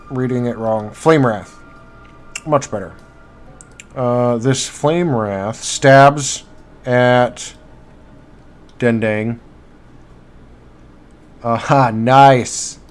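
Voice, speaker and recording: A man runs a tabletop game as game master, talking in a loose, rambling way full of fillers and quick self-corrections. His voice sits at an ordinary middle pitch. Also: smooth. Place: home streaming setup.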